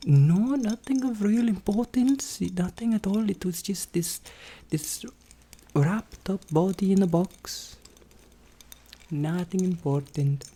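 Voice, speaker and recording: Casting: woman as excitable, boastful old-world vampire for ASMR role-play; dark, breathy voice, theatrical and rambling. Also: medium pitch. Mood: gleeful, evasive. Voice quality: husky, breathy, slipping in and out of soft voice. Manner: theatrical, chatty, rambling, drawn-out exclamations. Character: eccentric boastful vampire Nosferatu, well-travelled and excitable. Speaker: ASMR performer.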